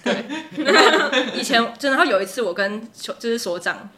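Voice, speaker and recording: A woman's voice: fairly high pitch, animated, normal speed, sharp tone. A young woman with a Taiwanese Mandarin accent, co-hosting a casual chat podcast and telling stories in a chatty way, laughing often. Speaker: podcast co-host.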